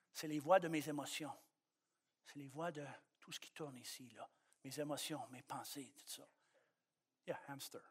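High-pitched preaching man from Quebec. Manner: emphatic preaching, swings from loud declarations to quiet asides. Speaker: pastor. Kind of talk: sermon.

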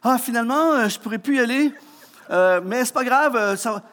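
A man's voice: extremely high pitch, animated, moderate pace, fairly bright tone. A Québécois man quoting a breezy, unreliable trip organizer. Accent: Québécois French.

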